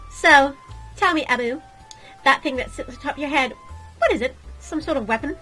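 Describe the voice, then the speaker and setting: A haughty mermaid princess from a game, pitched up high and full of condescension, as a woman puts her on. Her speech is drawn out and aristocratic, with faint music beneath. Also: sharp tone, low-quality recording. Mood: imperious. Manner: pompous, drawn-out aristocratic delivery.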